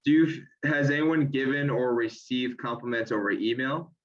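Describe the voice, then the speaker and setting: A man's voice: mid-range voice, moderate pace. A man hosts a webinar discussion over a video call and asks the group questions. He is a bit hesitant and repeats words as he goes. The audio is slightly muffled. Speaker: discussion moderator. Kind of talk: moderating a webinar.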